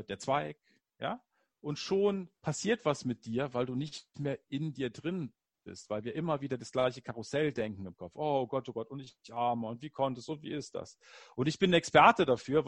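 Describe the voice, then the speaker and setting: A man in casual conversation, telling personal stories in an animated, upbeat way. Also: medium pitch, no echo, studio quality.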